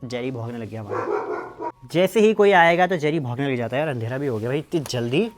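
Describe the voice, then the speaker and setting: Young man, hill vlogger, quick chatty talk, outdoors, light music behind. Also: medium pitch, lively intonation. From Uttarakhand hills, India. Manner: chatty, quick, speaks to viewers directly. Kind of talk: casual village vlog talk to camera. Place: outdoors at a hill village home.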